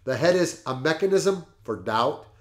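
A middle-aged man hosting a show, reading passages from a book aloud and commenting on them in a lively way. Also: fairly high pitch, moderate pace. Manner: animated, laughs at the jokes he reads. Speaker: podcast host.

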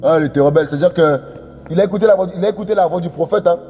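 A man's voice: sits high, racing, warm tone, slightly rough. A man preaching a sermon, emphatic and direct, often calling out to his listeners as friends. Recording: long reverb with faint music behind.

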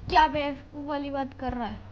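Young woman with a high voice, unsure, keeps trailing off, dull sound. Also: steady tone, brisk. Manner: hesitant, reasoning, trailing off. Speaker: girlfriend in prank. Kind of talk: casual conversation. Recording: dull audio with faint background music.

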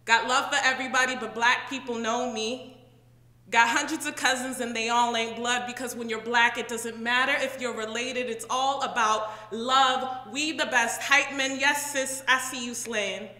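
Bright punchy woman performing poetry. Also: a little high, normal speed. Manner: proud, punchy, animated. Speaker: poet. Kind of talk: spoken word performance. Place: community room, indoors. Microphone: stand mic. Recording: echoey room with long reverb.

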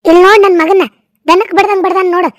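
A woman voicing an angry village mother who shouts accusations in a North Karnataka Kannada accent for a cartoon. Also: very high voice, fairly even intonation, rapid-fire, no room sound, clean studio sound. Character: furious loud village mother defending her son. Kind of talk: cartoon dub acting.

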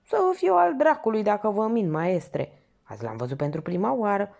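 A woman's voice: mid-range voice, sing-song, creaky, darkish tone, voice pushed up. A woman voicing a fawning, gossipy older male theater porter in a novel she reads aloud. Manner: obsequious, gossipy, exclaiming.

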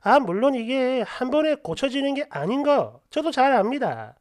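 A woman narrating online posts and their comments for a story channel, expressive and quick with sharp asides. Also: sits high, no echo, clean studio sound.

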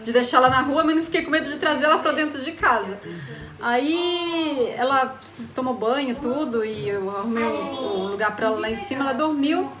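A Brazilian woman with a high, bright voice tells a personal story in a relaxed, chatty way, acting out each line of dialogue. The room is echoey. Other voices murmur in the background. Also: a little fast, crowd noise. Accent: Brazilian Portuguese. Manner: animated, acts out dialogue, laughs often. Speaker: storyteller guest. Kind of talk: casual storytelling chat. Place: home in Japan.

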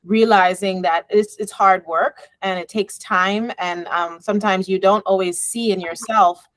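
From her bookshelf-lined office with a window, a middle-aged Bahamian engineering professor and department chair speaks to a conference over video call via her laptop webcam. Medium in pitch, steady and fairly bright, her voice has no room sound. The talk is reflective and measured, peppered with um and you know.

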